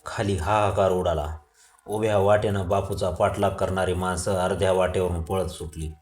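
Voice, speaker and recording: Low steady guy reading a long story out loud, roomy echo. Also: normal speed. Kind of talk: audiobook reading of a Marathi novel.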